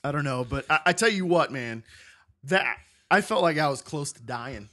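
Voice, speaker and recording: A man co-hosting a casual podcast, telling a long story in a rambling, animated way with frequent laughter. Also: fairly high pitch, normal speed. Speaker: podcast co-host.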